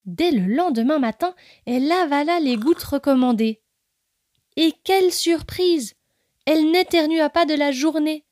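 A woman narrating a children's story as a podcast storyteller, reading gently and expressively. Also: high-pitched, dry recording, clean studio sound.

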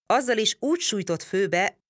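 A woman reading a historical novel aloud as an audiobook narrator, in a measured storytelling manner. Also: medium pitch, lively intonation, no room sound, studio quality.

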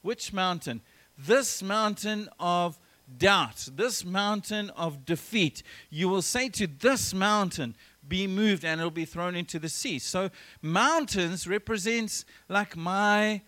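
Pastor, male, high voice, preaching an earnest church sermon with emphatic phrasing and quick restarts. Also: fairly bright tone. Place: church service.

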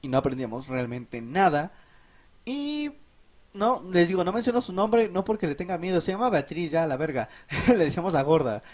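On a podcast, a young man with a Mexican Spanish accent, his voice a little high and his pace moderate, tells a laughing, animated, casual story about school, with plenty of profanity.

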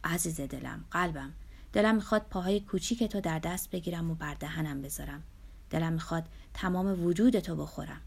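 Tender young man in love, read by a woman, gravelly, low-key, hushed. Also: animated. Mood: whispering. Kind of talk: audiobook dialogue reading.

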